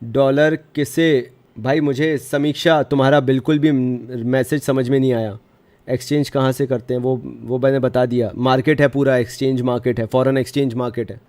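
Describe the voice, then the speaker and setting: A man's voice: mid-range voice, steady tone, normal speed, darkish tone. Friendly young man teaching a live class. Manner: friendly, reassuring, calls students brother and dear; mixes Hindi with English phrases. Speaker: commerce teacher. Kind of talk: live online class, answering chat.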